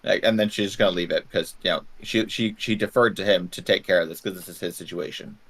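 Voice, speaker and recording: A man with a lowish voice plays a tabletop game. He describes his character's actions in casual, conversational speech. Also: steady tone, quick pace, fairly bright tone.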